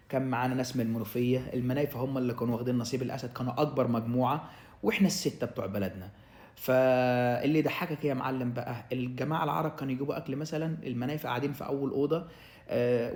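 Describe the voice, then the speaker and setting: A young Egyptian man with an Egyptian Arabic accent casually telling his own story to the camera, lively and addressing the listener directly. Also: medium pitch, roomy sound. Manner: animated storyteller, acts out quotes, addresses listener as "ya m'allem".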